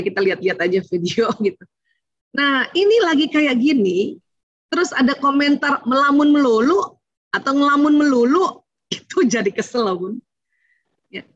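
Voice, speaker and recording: A woman's voice: a little high, lo-fi sound. A woman giving a chatty online talk on parenting to mothers, speaking to them directly and acting out what parents and children say.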